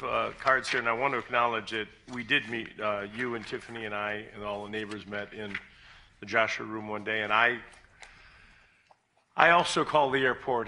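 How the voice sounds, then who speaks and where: A man's voice: mid-range voice, sharp tone. A man chairing a county commission public hearing, speaking plainly and matter-of-factly. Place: county commission meeting chamber.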